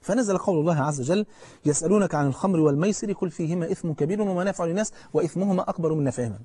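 A man with an Egyptian accent preaches at a rapid clip, his voice husky and mellow. He tells stories with animation and keeps asking his listeners questions, then slows down to recite scripture solemnly. The sound is close and dry. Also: fairly high pitch, no echo. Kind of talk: colloquial religious lecture.

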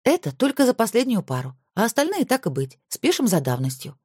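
A woman voicing a sly young woman dancer in an audiobook, coaxing and breathy. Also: a little high, wildly swooping pitch, fairly quick, a little mellow, no echo, studio quality, pitched above the performer's own voice, full character voice.

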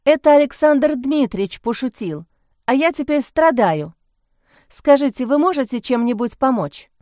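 A woman voicing a flustered, tearful young gentlewoman who pouts and whimpers. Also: animated, no echo, clean studio sound. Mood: plaintive. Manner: high, plaintive and quick to whimper.

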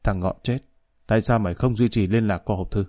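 A man's voice: lowish voice, fairly quick, a little mellow, faint music behind, natural voice. A man reading the lines of a harsh gang boss giving curt orders in a storybook narration. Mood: menacing. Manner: gruff, commanding.

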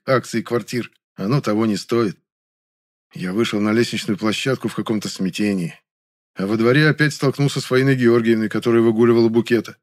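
A man narrating a first-person audiobook in a calm, wry tone. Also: mid-range voice, no echo, clean studio sound.

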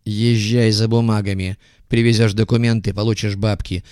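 Man reading as a curt, gruff boss. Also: fairly low pitch, flat delivery, moderate pace, darkish tone, no echo, clean studio sound, close to an everyday voice. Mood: commanding. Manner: curt, commanding.

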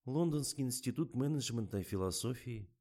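A man voicing a calm, resourceful young woman in an audiobook, speaking in a matter-of-fact way. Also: mid-range voice, fairly quick, pitched above the performer's own voice, close to an everyday voice. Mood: composed. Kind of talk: audiobook character voice.

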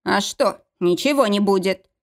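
A woman voicing a calm, confident young man who speaks evenly. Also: medium pitch, measured pace, close to an everyday voice. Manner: calm and even.

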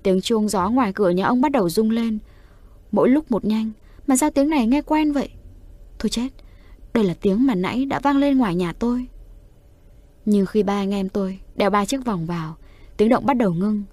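A woman reading a horror story aloud in a steady, suspenseful voice. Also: medium pitch, moderate pace, long pauses, no room sound. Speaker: narrator. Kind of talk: audio horror story narration.

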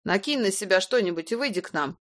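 A woman's voice: mid-range voice, expressive, fast, a bit bright, no echo, studio quality, lightly acted. A woman reading an audiobook, voicing a stressed young man who talks curtly and barks at people. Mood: snappish. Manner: curt, barking, raising his voice. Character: gruff, stressed young man, blunt and snappish. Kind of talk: audiobook character voice.

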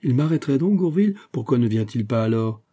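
A man's voice: mid-range voice, expressive, quick pace, mellow, slightly rough. A man reading a classic novel aloud, voicing a proud, commanding French financier with a haughty manner. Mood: imperious. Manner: haughty and imperious.

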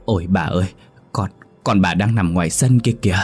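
A man's voice: low-pitched, a little fast, a little mellow, husky, faint music behind. A man voicing a loyal female servant who sobs, wails and pleads with stammering cries in a spoken horror story. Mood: sobbing. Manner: sobbing, wailing, stammering pleas. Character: loyal weeping female servant, young woman.

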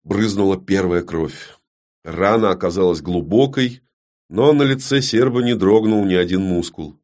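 A man narrating a dark fantasy audiobook in a measured, grave storytelling manner that often drops to a hush. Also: sits low.

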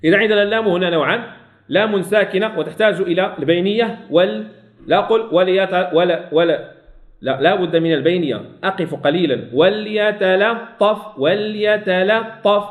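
A man with a Moroccan Arabic accent teaching a recitation lesson, drawing out words slowly and repeating them to demonstrate. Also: high voice, reverberant, narrow, tinny audio.

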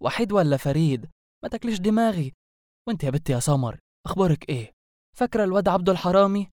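A man voicing chattering young Egyptian women in a raised, gossipy falsetto. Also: expressive, darkish tone, no echo, studio quality. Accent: Egyptian Arabic. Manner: shrill gossipy falsetto, quick banter.

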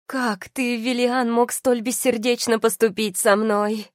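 A woman reading an audiobook voices a betrayed young wife, shouting and trembling with rage. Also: a little high, flat delivery, measured pace, no echo, clean studio sound, voice pushed up, lightly acted. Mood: furious.

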